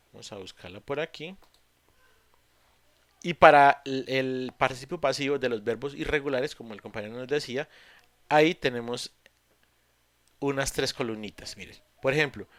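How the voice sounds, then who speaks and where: A man teaching English in an online class, explaining patiently step by step with pauses and fillers. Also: mid-range voice, dry recording. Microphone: computer mic on a video call.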